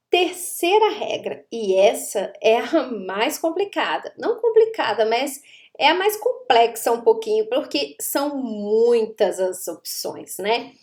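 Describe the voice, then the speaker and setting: A woman, a grammar teacher who explains rules step by step and checks understanding with rhetorical questions. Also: high-pitched. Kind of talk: explanatory online lesson.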